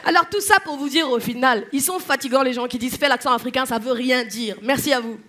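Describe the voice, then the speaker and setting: A woman's voice: high voice, fairly quick, some chatter behind. A woman from Tunisia performing a stand-up comedy set, playful and slipping into mimicked voices. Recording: live stage with loud audience laughter and noise.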